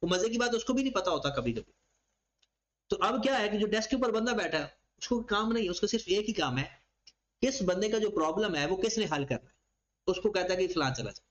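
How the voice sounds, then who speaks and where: A man teaches a class, his voice sitting high for a man. He walks through each term by asking the question aloud and then answering it, in an even teaching tone. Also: fairly quick, poor audio. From Pakistan. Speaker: accounting lecturer. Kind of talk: classroom lecture.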